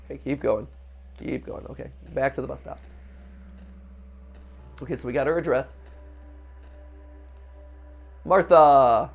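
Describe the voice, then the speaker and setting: Chatty man with a gravelly voice. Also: medium pitch, steady tone, normal speed, a little mellow, slight background noise. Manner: chatty, joking, thinking aloud. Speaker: host playing a video game. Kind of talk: casual let's-play commentary.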